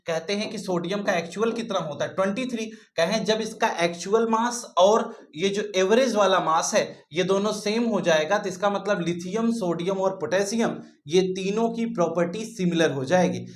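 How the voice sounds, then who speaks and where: High-voiced man teaching chemistry. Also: moderate pace, hardly any pauses. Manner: repeats points, asks questions and answers them himself, calls students "beta". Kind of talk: classroom lecture.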